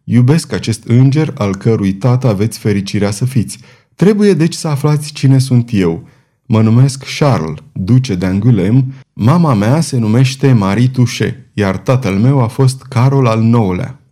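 A man's voice: medium pitch, expressive, mellow, close to an everyday voice. A man reading an audiobook, voicing an earnest, courteous young duke who speaks formally.

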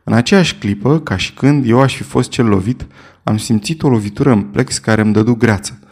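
Male audiobook narrator, steady first-person delivery, mid-range pitch.

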